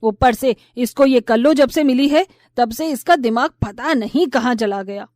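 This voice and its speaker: A woman voicing a spiteful older mother-in-law in a storybook tale, who scolds in a shrill, nagging way. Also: normal speed, darkish tone, dry recording, studio quality, lightly acted. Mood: fussing. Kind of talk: storybook voice acting.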